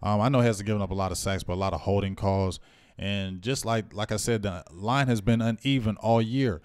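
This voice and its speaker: A man's voice: a little fast, clean tone, no echo. A man in his forties hosting a live game watch party, chatting casually and breaking into laughs and whoops. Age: 40s. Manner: animated, laughing, bursts into high whoops. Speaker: show host.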